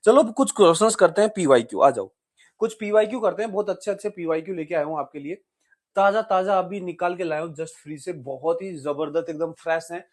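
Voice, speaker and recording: High-voiced, lively male physics teacher. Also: brisk. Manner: lively, chatty teaching that asks the students questions; mixes English terms into Hindi explanations. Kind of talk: exam-prep physics lecture.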